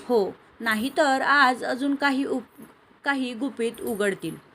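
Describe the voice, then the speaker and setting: A playful young man needles his friends with cheeky jokes, voiced by a woman storyteller. His lines come out light and a little higher than a man's. Underneath is a soft, faint hiss. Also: takes it slowly. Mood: teasing.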